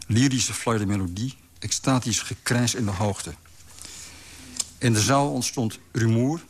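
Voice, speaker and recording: A man reading a literary story aloud in a calm, measured way. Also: fairly low pitch, husky. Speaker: narrator. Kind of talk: scripted literary narration.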